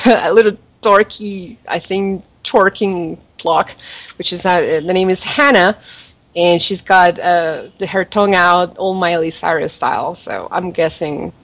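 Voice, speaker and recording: This woman's voice is on the low side and a little slow. She has a non-native accent of unknown origin and rambles through a casual podcast review of a mobile game, with fillers and laughs.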